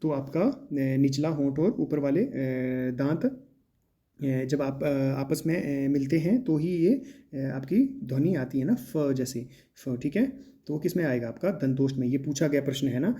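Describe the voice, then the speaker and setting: A man teaching as he works through mock exam questions, often checking in with the class and pausing with drawn-out hesitations. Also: fairly high pitch, mellow. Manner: repetitive, checks in with "है ना" and "ठीक है".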